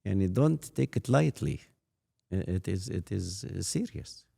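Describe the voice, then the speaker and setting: A man in his eighties with an Egyptian accent, a native Arabic speaker, telling his life story as a priest in an interview, halting and repeating words. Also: sits low, expressive, creaky, warm tone, breathy edge. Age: 80s. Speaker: Coptic priest guest.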